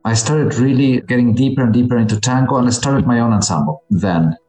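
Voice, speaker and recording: A man in his forties from Argentina, a musician guest telling his story thoughtfully, with frequent pauses and fillers. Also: medium pitch, a little mellow, reverberant, faint music behind, low-quality recording. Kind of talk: interview conversation.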